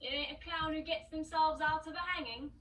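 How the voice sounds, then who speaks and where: A woman's voice: high-pitched, steady tone, brisk, fairly bright tone, reverberant, distant mic, low-quality recording. A woman playing a scrappy, cheeky male street clown with a Cockney accent, talking in rhymes and boasting. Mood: chatty. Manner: rhyming, chatty, boastful. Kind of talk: stage play acting.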